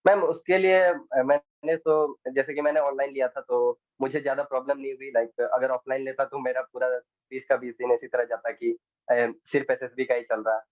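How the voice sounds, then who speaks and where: A teenage boy from India answers interview questions haltingly, restarting and slipping into English phrases now and then. The sound is thin and phone-like, and bone dry, as if it came over a video call. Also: medium pitch, little pitch movement, dry recording. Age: teens. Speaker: interview guest, exam candidate. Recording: tinny dry phone-like line.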